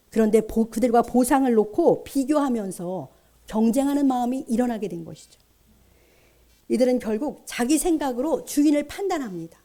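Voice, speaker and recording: A woman's voice: a little high, mellow. A woman pastor preaching a sermon to her congregation, earnestly explaining scripture and posing rhetorical questions to the listeners.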